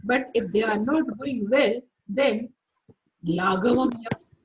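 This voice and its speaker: A woman with a high voice gives a scripture lecture at an unhurried pace. She takes her time, pausing to gloss each Sanskrit term for her listeners. Her delivery is patient and deliberate, like a teacher leading students through a text. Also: background noise. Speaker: spiritual teacher.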